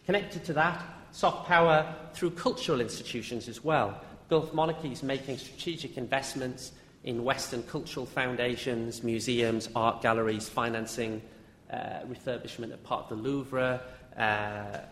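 A man's voice: mid-range voice, fairly even intonation, moderate pace, a bit bright, a little hiss or hum. A man, a university lecturer, giving an academic talk with frequent "uh" fillers as he lists examples. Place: lecture hall. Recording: echoey hall with long reverb.

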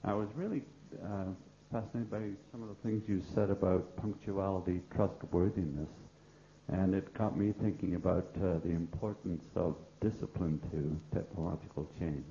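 A man with a very deep, gravelly voice asks a question from the audience, hesitating with many filler sounds. His tone is very dark. He is heard through a passed mic in a roomy, dull-sounding hall. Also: moderate pace, slight background noise. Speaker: audience member asking a question. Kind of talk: question from the floor at a lecture. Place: lecture hall.

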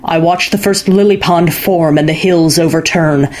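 A woman voicing an ancient, mighty male sorcerer who speaks slowly and menacingly. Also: fairly even intonation, a little mellow, close to an everyday voice. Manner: slow, deep, looming delivery.

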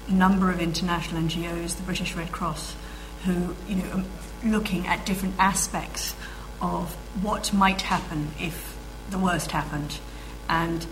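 Woman answering questions with measured pauses. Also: on the low side, noisy background. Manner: measured, with frequent ums and restarts. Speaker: guest speaker. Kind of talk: answering audience questions at a lecture.

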